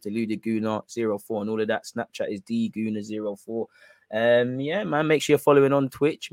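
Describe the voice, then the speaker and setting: A man speaks with an urban London roadman accent in an average-pitched voice. He talks in a casual, slangy, conversational way, like a fan hosting a livestream. The sound is dry, with little room echo. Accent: London, urban street. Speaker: football fan channel host, live streamer.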